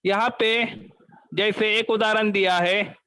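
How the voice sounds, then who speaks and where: Slow, high-voiced male teacher. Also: steady tone, bright, forceful tone, clear, resonant tone, no room sound, rough recording. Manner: asks questions then answers them himself; slow and deliberate, repeats key terms. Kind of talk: exam-prep grammar lesson.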